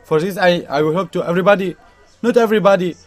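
A man's voice: high-pitched, fast. A young man from Syria with a Syrian Arabic accent, speaking earnest, emphatic broken English as a refugee giving his testimony in an interview. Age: young adult. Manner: earnest, emphatic, repeats points, non-native grammar.

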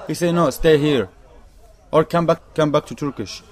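A young Syrian man speaks in broken, non-native English with an Arabic accent, his voice sitting a touch higher than most men's. He talks earnestly and with emphasis, circling back to repeat his points. He sounds like a refugee telling his own story to an interviewer. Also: moderate pace. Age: young adult. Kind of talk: impassioned testimony in broken English.

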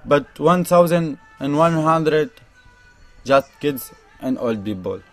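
A young Syrian man speaks in broken, non-native English with an Arabic accent, his voice sitting a touch higher than most men's. He talks earnestly and with emphasis, circling back to repeat his points. He sounds like a refugee telling his own story to an interviewer. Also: expressive, slow, faint music behind. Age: young adult. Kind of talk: impassioned testimony in broken English.

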